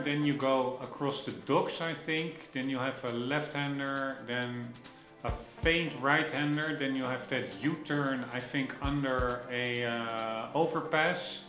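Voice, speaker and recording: A man's voice: mid-range voice, pushed and bright. Chatty man commenting over racing game music. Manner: chatty, thinks aloud, self-correcting. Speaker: gameplay commentator. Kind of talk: casual game commentary, reading out instructions. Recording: echoey room with game music behind.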